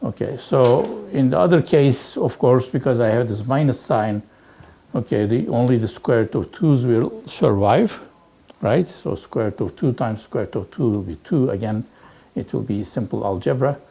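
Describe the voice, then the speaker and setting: A man lecturing on physics, working through exercises aloud in a halting way and peppering his talk with "okay" and "right". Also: medium pitch, lively intonation, gravelly, mellow, breathy edge. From Turkey. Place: lecture hall.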